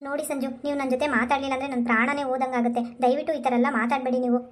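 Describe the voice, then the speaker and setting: A woman voicing a shy, sweet young woman in love in an animated comedy, speaking in a soft, earnest way. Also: high-pitched, rapid-fire, lightly acted.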